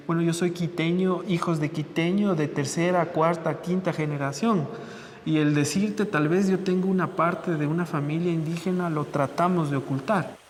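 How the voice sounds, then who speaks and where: A man's voice: fairly high pitch, long reverb tail. A man, talking in a conversational, anecdotal way in a documentary interview.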